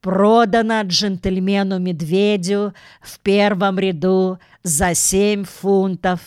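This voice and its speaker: A woman doing a loud storybook auctioneer. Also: medium pitch, steady tone, slow pace, clear, resonant tone, no room sound, clean studio sound, lightly acted. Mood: announcing. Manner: loud, announcing. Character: brisk male auctioneer calling out bids.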